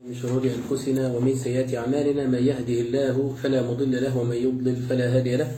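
A man's voice: medium pitch, flat delivery, quick pace, dark tone, a little hiss or hum. A man giving a Quran exegesis lesson, reciting each verse and then explaining it word by word. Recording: echoey room, voice distant from mic.

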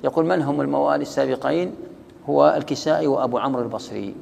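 Man explaining recitation rules line by line, talks fast, big reverby hall sound. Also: medium pitch, creaky, a little mellow. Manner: quotes verses and recites examples, repeating key words. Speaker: Quran recitation teacher.

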